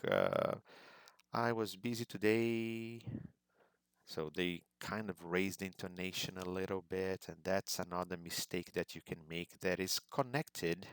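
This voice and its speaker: Man, language teacher, instructional lecture, very low voice, dry close sound. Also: a bit bright, clean tone, dry recording. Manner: measured, explanatory, models student speech examples. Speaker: English exam prep teacher.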